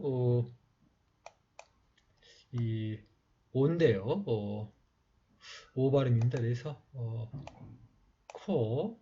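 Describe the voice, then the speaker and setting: A man slowly explaining how to write letters in a lesson, pausing often with fillers. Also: mid-range voice, dark tone, breathy edge. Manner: slow, halting explanation with many fillers. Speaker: teacher. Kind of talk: calligraphy writing lesson. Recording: dull lo-fi recording.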